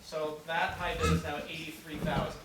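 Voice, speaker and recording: A man's voice: fairly high pitch, little pitch movement, normal speed. Male auctioneer calling bids, very echoey room. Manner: informal, plain-spoken, repeats prices and calls. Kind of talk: live auction calling with repeated bid calls. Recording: very echoey room, distant mic, noisy.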